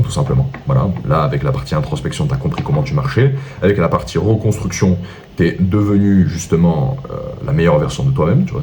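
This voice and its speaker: A man's voice: sits low, dark tone, a little hiss or hum. A man speaking as a dating coach, giving an instructional monologue and laying out his points one by one with rhetorical questions.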